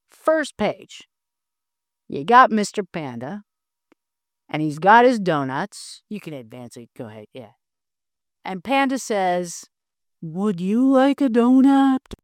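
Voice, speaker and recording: A woman pastor delivers a sermon in a slow, unhurried way with strongly varied pitch. Her storytelling is animated and full of restarts. The sound is dry and close. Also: dry recording.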